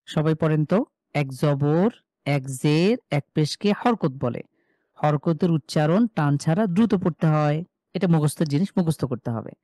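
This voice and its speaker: A man teaching a live Quran recitation class, slowly drilling Arabic syllables with many repeats and explaining mouth positions step by step. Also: on the high side, warm tone, no echo, poor audio. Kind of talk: live online tajweed class.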